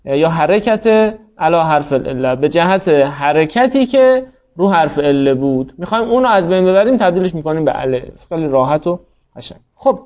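High-voiced man teaching a class, lo-fi. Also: animated, darkish tone. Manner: explains step by step, quizzing students. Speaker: teacher of Arabic grammar. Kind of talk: classroom lecture.

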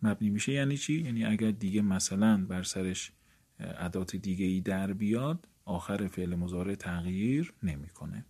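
A man's voice: low-pitched, mellow, slightly rough. A man explaining a grammar lesson, repeating words for emphasis and addressing his listeners politely. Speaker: teacher.

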